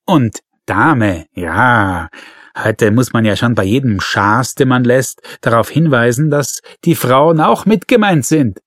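A man's voice: mid-range voice, expressive, slow pace, no room sound, clean studio sound. A man voicing a blunt, outspoken young policewoman, speaking sardonically. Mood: sardonic.

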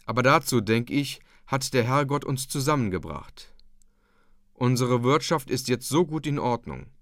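A man's voice: mid-range voice, expressive, moderate pace, no room sound, studio quality. A man reading the part of an earnest young male dike-reeve who speaks steadily and reassuringly to his wife. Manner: warm, reassuring.

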